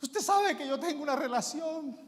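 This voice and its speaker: A man voicing a tearful, complaining woman caller who pleads in a high, whiny voice. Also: expressive, moderate pace. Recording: long church reverb.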